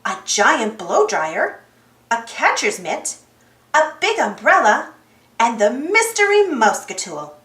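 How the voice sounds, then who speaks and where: A woman voicing a cheerful, heroic little male cartoon mouse telling his adventure eagerly in a high voice. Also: sing-song, slow, fairly bright tone, reverberant, exaggerated voice. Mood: excited. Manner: eager, exclamatory.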